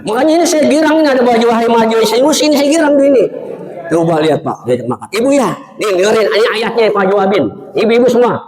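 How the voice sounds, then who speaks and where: A man preaching a dawn sermon, joking with the congregation and swinging between excited high tones and sad low ones. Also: fast, low-quality recording. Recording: live crowd heard around the voice. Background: crowd.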